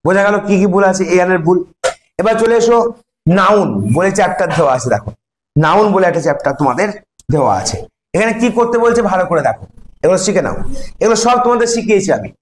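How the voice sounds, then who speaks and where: A man's voice: sits high, expressive, quick pace, slight background noise. A man with a Bengali accent teaching an English grammar lesson to a class, explaining step by step and asking students questions. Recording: echoey classroom.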